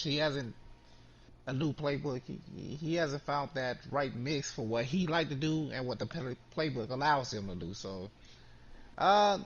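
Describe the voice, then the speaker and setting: A man talking casually as a guest on a sports chat, relaxed and often repeating his words as he restarts. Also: medium pitch. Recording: dull lo-fi line with faint noise.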